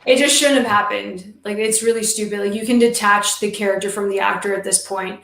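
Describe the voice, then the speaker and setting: An enthusiastic woman chatting casually as a co-host, emphatic and quick to gush. Her voice sits at a middle pitch. It rings a little in a roomy space. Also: fairly even intonation, creaky, a bit bright. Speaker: podcast co-host. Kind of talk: casual chat. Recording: roomy echo.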